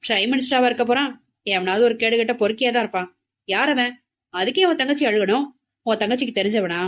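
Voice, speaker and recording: A woman voicing a blunt, impatient young man in an audio novel, speaking quickly and brusquely. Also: a little high, lightly acted.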